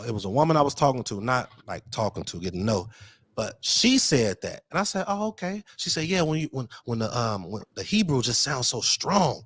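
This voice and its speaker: Man, talk show host, casual storytelling, relaxed, dry close sound. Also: medium pitch, no room sound. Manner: relaxed, storytelling, yields the floor. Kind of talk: casual chat.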